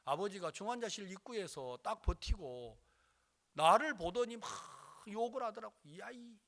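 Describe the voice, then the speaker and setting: A man's voice: high voice, sing-song, normal speed, fairly bright tone. A male pastor preaching a sermon, telling a story dramatically and acting out the voices.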